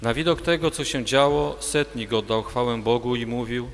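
Male narrator for a church reading, steady, long reverb. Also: medium pitch, normal speed, slight background noise. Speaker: narrator of the Passion. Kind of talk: liturgical reading.

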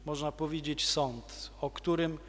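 A man preaching a homily as a priest, slow and measured with pauses. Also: on the high side, steady tone, fairly bright tone. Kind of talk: sermon. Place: church. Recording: long church reverb.

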